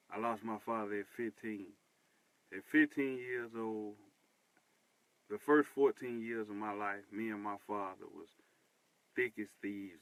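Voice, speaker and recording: Earnest low-voiced man, dry close sound. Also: a bit bright, no echo, poor audio. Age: 30s. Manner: earnest, repeats himself for emphasis. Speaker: host. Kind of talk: personal monologue.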